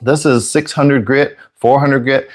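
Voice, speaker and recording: A man's voice: medium pitch, steady tone, measured pace. A man hosting a live airbrush painting stream, chatting casually and joking with viewers, slightly out of breath.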